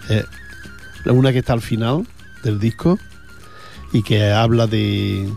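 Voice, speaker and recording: A man with a fairly low, gravelly, mellow voice takes it slowly and keeps a steady tone as soft music plays. Speaking in Andalusian Spanish, he chats casually as a radio host between songs, rambling with frequent fillers and repeated words.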